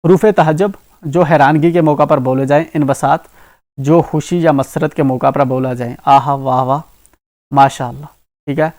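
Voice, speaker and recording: A man's voice: on the high side, steady tone, moderate pace, a little mellow, no room sound. A man with a Kashmiri accent teaching an exam-prep grammar lesson. He explains each term with examples and keeps checking in with "ठीक है ना". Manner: repeats "ठीक है ना" often, explains terms with examples.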